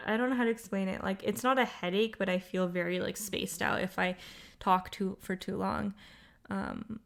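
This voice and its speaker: A young woman talks through her solo podcast in a smooth, clear voice at a middle pitch. She rambles in an upbeat way, full of fillers and restarts, and she sounds a little tired. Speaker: podcast host. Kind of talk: casual solo podcast monologue.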